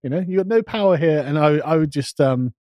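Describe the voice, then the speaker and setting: A podcast co-host banters casually on a live stream, laughing often and mimicking voices. His voice is on the high side, fairly quick and warm, and the recording is dry.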